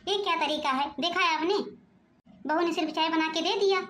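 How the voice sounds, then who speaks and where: A woman's voice: extremely high pitch, a little fast, fairly bright tone, echoey room, a little hiss or hum. A woman with an Awadhi-region accent voicing a strict, scolding middle-aged mother-in-law in a home-made cartoon. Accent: Awadhi-region Hindi. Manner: nagging, exasperated, sarcastic.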